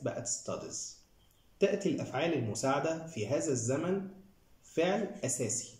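A man's voice: mid-range voice, darkish tone, roomy sound. A man with an Egyptian Arabic accent teaching an English grammar lesson, explaining each rule step by step and speaking directly to his viewers.

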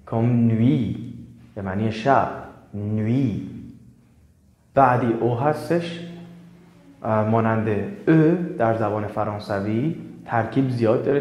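A man teaching the French alphabet in a slow, step-by-step lesson. He spells out letters and repeats each example word. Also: fairly low pitch, a little mellow, echoey room.

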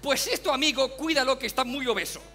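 Guy doing stand-up, gravelly high voice, loud mocking rants. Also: fast, soft background music. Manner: loud, mocking, bursts into shouts. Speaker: comedian. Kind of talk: stand-up comedy monologue.

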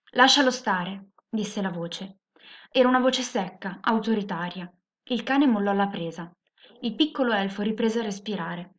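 A woman teacher reading a storybook aloud in a steady, clear narration. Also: mid-range voice. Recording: muffled lo-fi recording.

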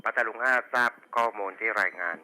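A man's voice: mid-range voice, fast talker, sharp tone, clear, resonant tone, rough recording. A man working as a police radio dispatcher, reading back station reports and call signs in formulaic procedure over a walkie talkie. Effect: two-way radio.

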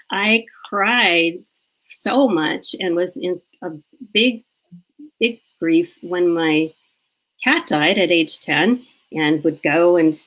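Chatty woman interviewer, lowish voice. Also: fairly bright tone, low-quality recording. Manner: chatty, laughs often, acts out childhood quotes. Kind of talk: casual conversational interview. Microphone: video call.

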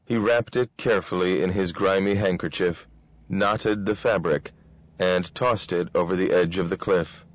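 A man reading a novel aloud in a steady, measured way. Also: low voice, dry recording. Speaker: reader.

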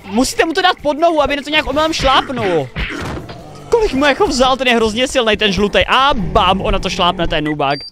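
Excitable young man reacting over music. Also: extremely high pitch. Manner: excitable, shouts warnings, repeats himself. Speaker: reaction video host. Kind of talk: casual reaction commentary. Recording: loud music under the voice. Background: the animation's music.

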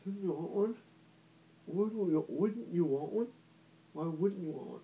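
A man's voice: sits high, unhurried, mellow, slightly rough. A man talking in his sleep in mumbled, disjointed, repetitive phrases. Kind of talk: unconscious sleep talk. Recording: noisy home recording with clicks.

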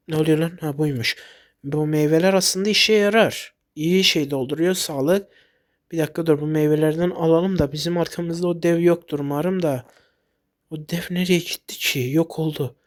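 A man giving casual gameplay commentary while sick, excitable and quick to blurt out short exclamations. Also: a little high. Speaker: gaming YouTuber.

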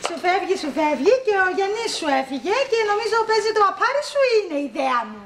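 A woman's voice: extremely high pitch, big pitch swings, roomy sound, background noise. A woman in sitcom dialogue, pushy and needling. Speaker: sitcom actress.

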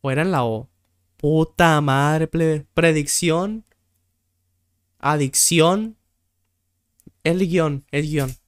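Mexican guy streamer, smooth voice, close dry mic, mutters and curses through a quiz. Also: on the high side, drawn-out words, pauses often, dry recording. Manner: thinks aloud, swears freely, easily exasperated. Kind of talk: casual gameplay commentary.

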